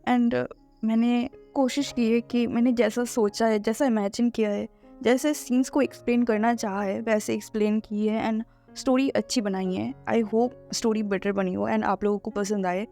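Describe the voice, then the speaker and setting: A woman's voice: on the high side, steady tone, normal speed, vocal fry, warm tone, soft background music. A woman narrating a fan fiction story in an earnest, emotive way, then chatting to her viewers.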